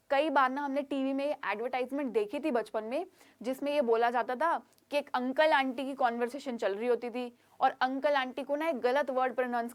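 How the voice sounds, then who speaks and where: A young woman teaching an online pronunciation lesson in a chatty way, speaking to her students like kids; her first language is Hindi. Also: sits high.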